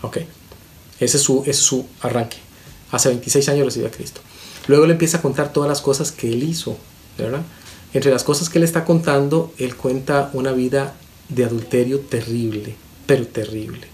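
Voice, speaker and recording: A man speaks as a pastor teaching counselors. He presses his points hard with strings of rhetorical questions and repeated words, in a voice of middling pitch. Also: fairly even intonation, a little fast, a little mellow.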